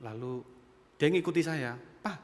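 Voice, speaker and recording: A man's voice: mid-range voice, moderate pace. Guy in his 50s preaching, storytelling, long church echo. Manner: storytelling, swings from quiet asides to loud emphatic peaks. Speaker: pastor. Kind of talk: sermon. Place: church sanctuary.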